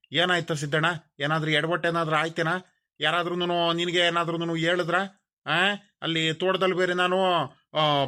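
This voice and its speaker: An actor playing a proud, quick-tempered middle-aged village boss in a comedy sketch, firing off repeated questions and turning sulky. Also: male voice, a little high, bright, forceful tone. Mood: blustering concern. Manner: fires off repeated questions, blustering then sulky. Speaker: former village council member. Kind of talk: rural comedy sketch acting.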